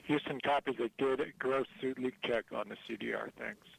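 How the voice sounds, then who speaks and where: A man's voice: mid-range voice, fairly even intonation, moderate pace, gravelly. A man making terse procedural calls over a crackly, breaking-up space radio link. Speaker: spaceflight crew and mission control radio operators. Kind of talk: terse radio call-and-readback procedure talk.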